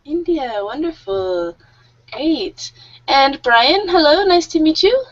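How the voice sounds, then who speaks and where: A woman's voice: high-pitched, lively intonation, slow. A woman in her thirties teaching an online English group class, friendly and a little nervous, laughing often. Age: 30s. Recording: muffled lo-fi audio.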